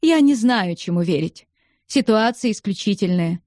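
A woman reading the part of a composed older lady who speaks in a measured, reasoning way, with a mellow tone. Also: mid-range voice, animated, no room sound, clean studio sound, lightly acted.

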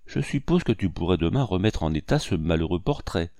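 A man voicing a proud, cold wife in an audiobook, speaking in a sharp, commanding way. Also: low-pitched, expressive, brisk, no room sound, studio quality.

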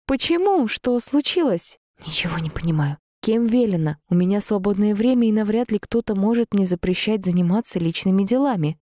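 A woman voicing an indignant, quick-tempered young heroine who throws out sharp, outraged exclamations. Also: medium pitch, no room sound, clean studio sound, voice pushed up, lightly acted.

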